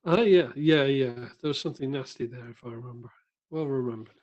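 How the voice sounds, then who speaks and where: A man's voice: mid-range voice, brisk, darkish tone, lo-fi sound. Easygoing man at a game table. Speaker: player. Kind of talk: tabletop game play over a stream.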